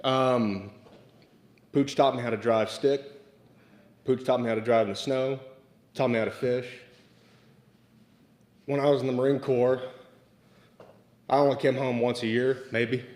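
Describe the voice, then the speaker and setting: A man giving a memorial eulogy, relaxed and a little hesitant, with many fillers as he reminisces. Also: mid-range voice, unhurried, long pauses. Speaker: eulogy speaker. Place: memorial service room. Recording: echoey livestreamed room.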